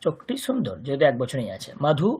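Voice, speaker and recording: A man's voice: medium pitch, sing-song, fast, a little mellow, breathy edge. A man with a Bengali accent teaching a Sanskrit grammar lesson, patiently explaining and repeating words for his students. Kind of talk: online language lesson.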